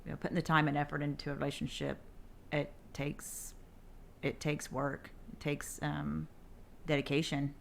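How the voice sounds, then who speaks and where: A woman co-hosting a casual podcast chat, relaxed, chatty and teasing. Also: low voice, moderate pace, creaky, a little hiss or hum. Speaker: podcast co-host.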